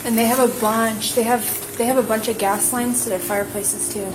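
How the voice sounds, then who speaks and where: A woman's voice: a little high, fairly even intonation, brisk. A woman informally discussing a scene inside a house, recorded on police body cam audio. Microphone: body-worn camera recording. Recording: echoey, very noisy bodycam audio.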